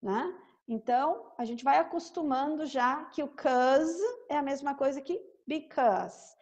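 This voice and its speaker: Woman teacher going over english song lyrics, high voice, talks real slow, keeps repeating words. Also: a little mellow, muffled recording. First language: Portuguese. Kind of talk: song-based English lesson.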